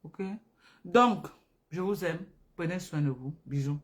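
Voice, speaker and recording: Animated woman on a live stream. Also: low-pitched, takes it slowly. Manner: animated, repetitive, emphatic, addresses viewers directly. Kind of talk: casual live-stream talk to viewers.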